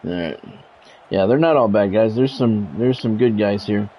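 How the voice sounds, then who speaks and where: Music plays behind a dull lo-fi recording of an American man streaming a game, who talks casually and bluntly between play-by-play bits. His voice is on the low side at a normal speed, with slight background noise.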